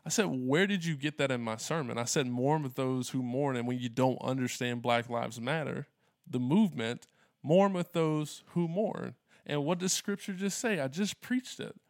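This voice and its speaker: A man's voice: mid-range voice, normal speed, dry recording, clean studio sound. A pastor talking earnestly in a conversation, retelling his exchanges with congregants and playing their quoted voices with animation. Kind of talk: conversational discussion.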